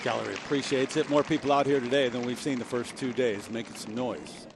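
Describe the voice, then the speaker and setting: A man's voice: mid-range voice, steady tone, brisk, crowd noise. A man giving live play-by-play as a golf commentator. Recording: clearly noisy outdoor broadcast.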